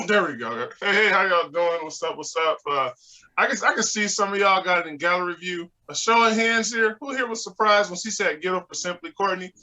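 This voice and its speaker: A Texan man doing stand-up over a video call, his voice bright and a touch high for a man. He talks in a relaxed, chatty way and laughs at his own jokes. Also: brisk, poor audio. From Texas. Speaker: stand-up comedian.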